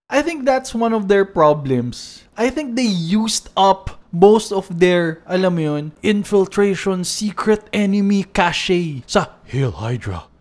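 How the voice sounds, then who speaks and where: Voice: mid-range voice, expressive, a little slow, few pauses, a little mellow. A podcast co-host with a Filipino accent, chatting casually and explaining comic lore with frequent laughs. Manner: explains comic lore, laughs often, switches between English and Tagalog. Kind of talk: casual pop-culture chat.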